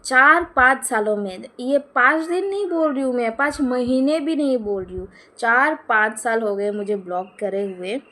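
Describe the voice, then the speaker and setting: A woman's voice: on the high side, animated, moderate pace, few pauses, pushed and bright. A young woman vlogging casually at home, rambling and giggling between thoughts, filling gaps with "uh" and "um", recorded on a phone camera. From West Bengal, India. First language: Bengali. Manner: chatty, giggly, rambling with many fillers. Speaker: lifestyle vlogger. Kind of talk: casual vlog chat.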